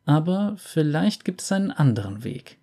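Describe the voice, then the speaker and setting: A man's voice: fairly high pitch, sing-song, moderate pace, dark tone, voice pushed up. A man voicing a cunning, sardonic female pirate captain. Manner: sardonic, calculating inner voice.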